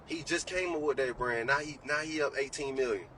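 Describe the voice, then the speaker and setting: A man's voice: medium pitch, fairly quick, a bit bright. A man in his late twenties talking as a podcast guest, blunt and profane, preaching hard-won advice. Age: 20s. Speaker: trading educator guest. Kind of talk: casual podcast talk. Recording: distant mic with faint background noise.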